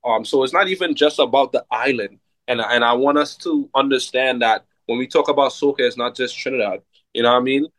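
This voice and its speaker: A man, a soca artist chatting casually in an interview, relaxed and full of fillers. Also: medium pitch, brisk, no room sound, poor audio. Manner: relaxed, laid-back, many fillers like "like" and "you know what I mean".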